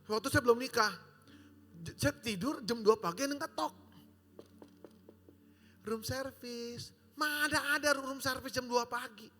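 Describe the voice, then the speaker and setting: A man preaching with a very high, sharp and bright voice, swinging between jokes and loud appeals. His sermon rings through a large hotel auditorium with a long hall echo. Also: normal speed. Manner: animated, joking storyteller, shouting at times. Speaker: pastor.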